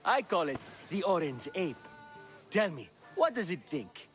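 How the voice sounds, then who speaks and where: A mocking, showy comic playwright. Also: male voice, high-pitched, big pitch swings, unhurried, fairly bright tone, faint music behind, exaggerated voice. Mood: playful. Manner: teasing, theatrical, loves his own jokes. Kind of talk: video game character dialogue.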